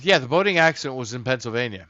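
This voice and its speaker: A man's voice: mid-range voice, lively intonation, rapid-fire, pushed and bright, dry recording, highs cut off. A man hosting a casual livestream, rambling and a bit tipsy from a couple of beers, talking loosely and swearing to his chat. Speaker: livestream host.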